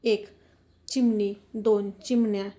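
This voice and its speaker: A woman's voice: medium pitch, little pitch movement, takes it slowly, dark tone. A woman teacher steadily reading quiz questions, options and answers for students.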